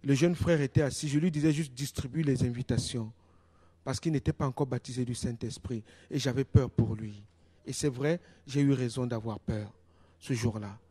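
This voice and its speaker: A male pastor preaching a sermon in a church, telling stories with animation, his voice dropping to a hush and then rising loudly. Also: mid-range voice, normal speed, breathy edge. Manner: animated storytelling, swings between hushed and loud.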